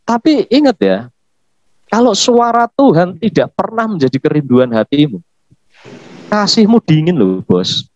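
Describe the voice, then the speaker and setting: Animated high-voiced man preaching in chat. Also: unhurried, slight background noise. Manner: animated, emphatic, laughs often. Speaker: pastor. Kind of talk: casual podcast chat. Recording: dull, lo-fi podcast audio.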